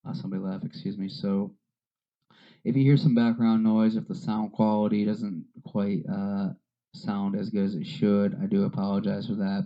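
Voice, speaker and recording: A man hosting a podcast in casual solo talk, earnest and halting, with frequent fillers and self-corrections. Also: on the low side, highs cut off. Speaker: podcast host.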